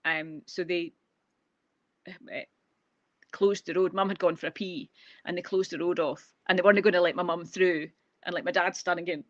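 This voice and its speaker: A woman's voice: fairly low pitch, steady tone, moderate pace, pauses often, no room sound, muffled recording. A woman with a Scottish accent, a guest photographer, telling family stories in a chatty way with frequent ums and restarts. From Scotland. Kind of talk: casual conversational interview. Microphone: video call.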